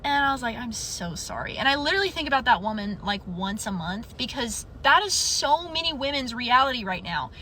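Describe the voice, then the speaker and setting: A woman's voice: on the high side, a little fast, hardly any pauses, slight background noise. A young woman casually telling a story from her customer service job, acting out the people in it. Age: young adult. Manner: animated retelling, acts out quotes. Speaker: storyteller in a clip.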